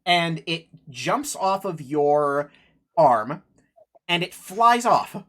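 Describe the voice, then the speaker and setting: A woman narrating as game master of a tabletop game, correcting herself as she goes. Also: low-pitched. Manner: unhurried, lively narration with self-corrections.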